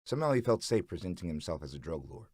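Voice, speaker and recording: A man narrating an audiobook chapter in a steady, dramatic storytelling manner. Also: low-pitched, fast, husky, no room sound.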